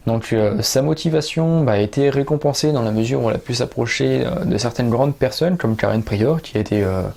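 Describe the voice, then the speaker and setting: Male dog trainer, gravelly tone, halting casual book review. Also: mid-range voice, a little mellow. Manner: hesitant, many "euh" fillers.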